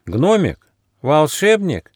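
A man voicing a chubby, gentle, timid male koala cub in a storybook, drawn out and sing-song. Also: mid-range voice, expressive, unhurried, no echo, studio quality, pitched above the performer's own voice, close to an everyday voice. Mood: frightened.

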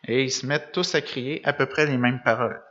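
A man's voice: mid-range voice, fairly even intonation, a little fast, fairly bright tone. A man preaching a sermon, reading gospel passages and explaining them with rhetorical questions. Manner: reads passages then comments, with restarts and rhetorical questions. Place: church or meeting room with a screen behind him. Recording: dull lo-fi sound.

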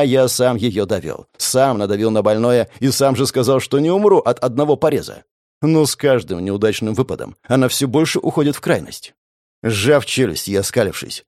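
A man's voice: medium pitch, a little mellow, no room sound, studio quality. A man reading a first-person audiobook in a tense, gritty storytelling manner. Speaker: audiobook narrator.

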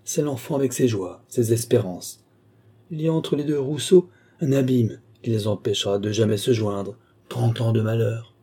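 Man reading as grave old sage, wistful, measured, dark husky voice. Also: mid-range voice. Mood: melancholy. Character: older male sage, melancholy and suspicious.

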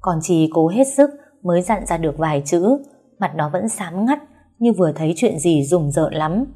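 A woman narrating a novel as an audiobook, reading in a steady storytelling way. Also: on the low side, moderate pace, slightly rough. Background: soft background music.

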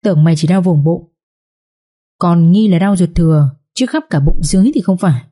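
Woman doing a bossy young master, curt, low voice, mellow tone, storybook. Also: normal speed, close to an everyday voice. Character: stern young male master, a doctor. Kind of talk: audiobook story reading.

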